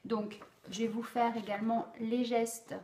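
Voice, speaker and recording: Slow, careful woman teaching sounds. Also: a little high, little pitch movement, warm tone. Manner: slow, deliberate, with many fillers, pauses and drawn-out sounds. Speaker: speech therapy teacher. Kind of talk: instructional explanation for parents. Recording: echoey room.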